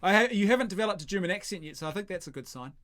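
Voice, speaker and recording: A man's voice: high voice, expressive, racing, sharp tone. A man hosting a casual interview show, chatty and self-deprecating, often restarting his sentences. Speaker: host.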